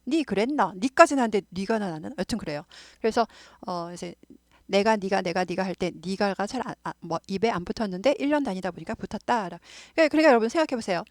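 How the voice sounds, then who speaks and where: A woman's voice: medium pitch, animated, quick pace, no echo, clean studio sound. A middle-aged woman with a Seoul accent, explaining English grammar in a casual, chatty lesson, repeating points and drifting into asides. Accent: Seoul Korean. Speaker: English teacher.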